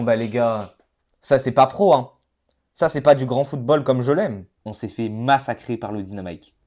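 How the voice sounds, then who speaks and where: A man giving casual let's-play commentary as a gaming YouTuber, rambling and excitable, bursting into yells. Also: mid-range voice.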